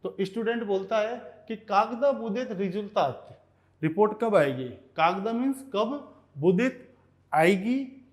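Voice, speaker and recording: A man teaching Russian vocabulary in Hindi, repeating each word slowly and checking in with "okay" as he goes. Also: high voice, expressive. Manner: repeats words slowly, often says "ठीक है". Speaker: language teacher.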